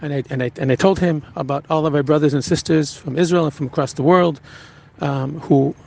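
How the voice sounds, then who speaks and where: Earnest, halting man telling a story. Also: on the high side, steady tone, vocal fry, darkish tone, low-quality recording. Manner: earnest, halting, with frequent restarts. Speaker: rabbi. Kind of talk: recounting a personal story.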